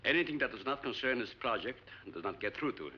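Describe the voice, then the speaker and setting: An actor playing a courtly old scientist. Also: male voice, medium pitch, expressive, fast talker, noisy background, close to an everyday voice. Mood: earnest. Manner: formal, explanatory, polite. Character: older male scientist, courtly and earnest. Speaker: scientist and island host. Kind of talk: 1950s film acting. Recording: dull old film soundtrack with faint music.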